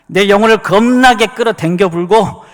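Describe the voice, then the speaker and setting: A man voicing a boisterous folksy countryman in a thick Jeolla dialect, with hearty drawn-out exclamations, in a church sanctuary. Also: high-pitched, pitched above the performer's own voice, lightly acted. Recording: long reverb of a large hall.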